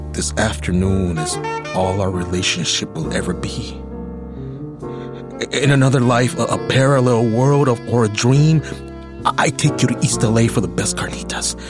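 A male actor with a medium-pitched voice close to everyday speech plays a weary, tender middle-aged uncle haunted by prison in a radio play. He confides haltingly and wistfully.

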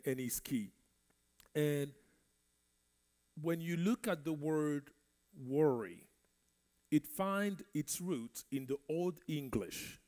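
This minister is a man from the Congo whose first language is French, and he is leading a Bible study in a church. His voice is fairly high-pitched with a darkish tone. He preaches in a conversational way and repeats words.

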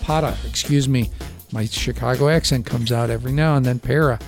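A man's voice: medium pitch, steady tone, a little fast, vocal fry, faint music behind. A man hosting a local radio interview show, talking in a rambling way and often correcting himself. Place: radio studio. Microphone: studio microphone.

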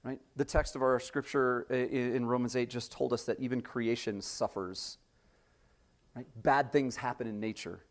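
A man's voice: mid-range voice, steady tone, normal speed. A pastor in his forties delivers a sermon in a church sanctuary. His tone is chatty rather than formal, and he keeps drawing the listeners in with rhetorical questions. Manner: conversational preaching, frequent rhetorical "right?". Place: church sanctuary before a congregation.

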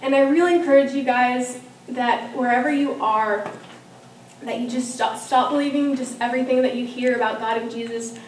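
A woman's voice: sits high, fairly even intonation, normal speed. A young woman, a student, telling her personal faith story in a casual way, with many ums and likes. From Norman, Oklahoma. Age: young adult. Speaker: student giving testimony. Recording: echoey room, from far off, faint hiss.

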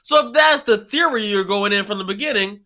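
A man's voice: high-pitched, fairly quick, bright, forceful tone. A man co-hosting a sports talk show, lecturing and dismissive as he argues his point. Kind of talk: heated sports debate.

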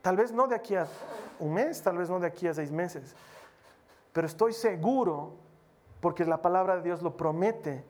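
A man's voice: sits high, moderate pace, long pauses, a little mellow. Guy preaching, tells stories, urges the crowd to be kind. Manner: exhorting, storytelling with mimicry. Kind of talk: sermon with personal anecdotes.

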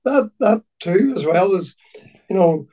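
A man with a Donegal Irish accent reminiscing in conversation, haltingly and often repeating his words. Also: high voice, expressive, mellow, recorded from a distance. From County Donegal, Ireland.

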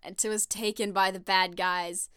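A woman's voice: mid-range voice, little pitch movement, moderate pace, a bit bright, clear, resonant tone, no room sound. A woman co-hosting a podcast, chatting casually and reading aloud with giggles and hesitant restarts. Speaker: podcast co-host.

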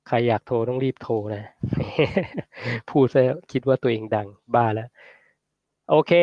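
Man, livestream host, relaxed chatty talk, dry close sound, slightly muffled. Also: medium pitch, no echo. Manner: relaxed, chatty, ends phrases with polite particles. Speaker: livestream host answering viewer comments. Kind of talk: casual livestream talk on health.

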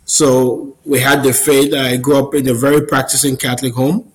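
A man's voice: medium pitch, flat delivery, moderate pace, rough recording. A man in his forties from Cameroon, a podcast guest on a video call, telling his personal story in a friendly, earnest way. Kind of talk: casual interview storytelling.

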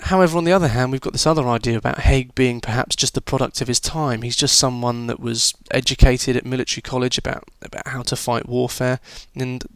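A man's voice: medium pitch, steady tone, fairly quick, few pauses, smooth, no echo. A man talking students through a history lesson in a chatty, informal way, with fillers and restarts. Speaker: history teacher.

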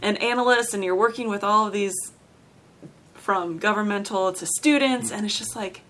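A woman's voice: medium pitch, moderate pace, a bit bright. Chatty woman hosting a casual interview. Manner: informal, rambling, frequent "like" and "you know". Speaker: podcast host, zookeeper.

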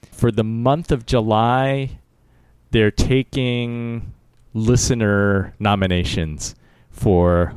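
A man's voice: lowish voice, darkish tone, smooth, dry recording. A man co-hosting a podcast in casual chat, easygoing and wry. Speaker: podcast co-host.

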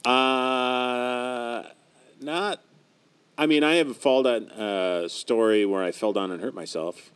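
A soft-spoken man chatting casually as a podcast co-host, speaking in a hesitant, halting way. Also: mid-range voice, clean tone. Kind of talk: casual chat.

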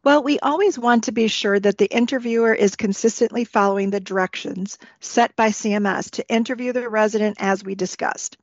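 A woman's voice: a little high, brisk, few pauses, dry recording. A woman giving formal, scripted instruction as the expert on an educational podcast. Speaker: expert guest. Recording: dull, lo-fi podcast audio.

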